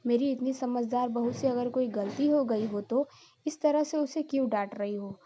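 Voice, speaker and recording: A woman's voice: a little high, moderate pace, dull audio, a little hiss or hum, natural voice. A woman voicing a kindly, fatherly older father-in-law in a cartoon story. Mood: gentle. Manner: gentle, fatherly.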